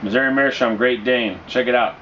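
A man's voice: mid-range voice, fairly even intonation, brisk, fairly bright tone. A man in his thirties giving a casual, laid-back review to camera in a hesitant way, recorded on a camera mic in a living room. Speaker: pipe tobacco reviewer. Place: small dim living room indoors. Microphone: camera mic at a short distance. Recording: dull, noisy home camera recording.

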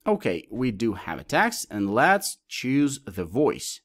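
A man presenting a software tutorial, explaining each option step by step as he clicks through it. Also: mid-range voice, huge pitch swings, slow. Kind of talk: screen-recorded tutorial walkthrough.

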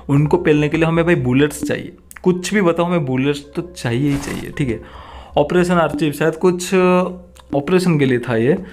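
A man's voice: mid-range voice, a little mellow. A young man giving crude, jokey horror game commentary, swearing often and muttering nervously. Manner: jumpy, frightened mutters. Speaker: gaming channel host.

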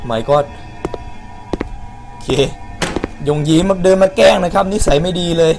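Man, slightly high voice, jumpy horror-game commentary, yelps and swears, loud music behind. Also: brisk, gravelly. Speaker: gaming YouTuber.

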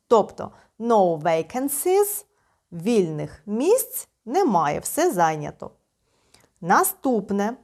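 A woman teaching English, who reads English phrases and then translates and explains them step by step. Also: medium pitch. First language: Ukrainian. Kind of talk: slow explanatory language lesson.

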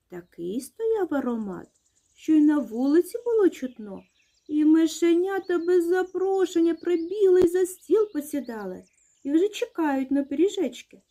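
High, lively, sing-song storytelling woman. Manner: tender, sing-song, uses diminutives. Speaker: children's storyteller. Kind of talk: fairy-tale reading for small children.

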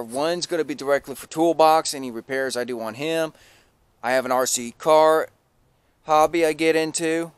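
A middle-aged man with a mid-range voice, recorded dry, narrates a casual how-to while showing off his truck project as a vlogger. He's outdoors beside a vehicle in a residential yard, holding the camera at arm's length. The handheld mic gives a clearly noisy outdoor recording with clicks.

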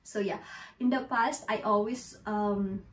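A woman's voice: medium pitch, steady tone. A young Filipino woman with a Filipino accent, chatting in a home vlog and giggling between sentences, recorded by a camera across a small room. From Philippines. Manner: giggly, chatty, slow and explaining. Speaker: vlogger. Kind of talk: casual vlog. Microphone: camera at a distance. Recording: echoey room, voice a little far from the mic.

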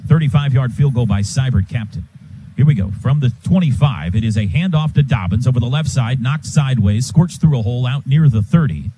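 An American man calls live football play-by-play on the radio in short, clipped phrases, his medium-pitched, dark voice brisk and lively in intonation. He's on a broadcast booth microphone at a stadium, with faint ambient noise and poor audio quality.

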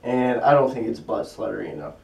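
A man's voice: medium pitch, animated, brisk, vocal fry, a little mellow. A young man in casual vlog talk, frustrated and swearing under his breath as he tries a trick over and over. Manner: frustrated, swearing, talking to himself while attempting a trick. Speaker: vlogger. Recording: roomy, distant camera sound.

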